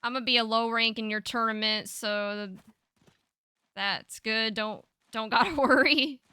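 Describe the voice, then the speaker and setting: Bright, crisp-voiced woman streamer. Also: fairly high pitch, steady tone, a little slow, dry recording. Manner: laid-back, reads chat aloud, lots of fillers. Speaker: game streamer. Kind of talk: casual live-stream chat.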